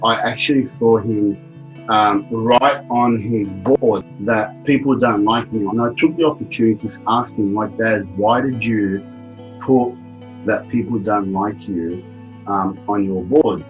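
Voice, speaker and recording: A man's voice: fairly low pitch, measured pace, highs cut off, faint music behind. A middle-aged man giving a heartfelt personal testimonial about a seminar, telling a family story earnestly. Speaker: event attendee giving a testimonial.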